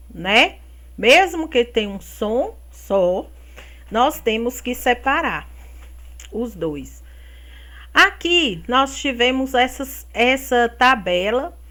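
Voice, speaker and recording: A woman's voice: fairly high pitch, pushed and bright. A woman teacher from Brazil, patiently walking young children through school exercises step by step, often checking in with a "né?". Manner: patient, step-by-step explaining with frequent "né?".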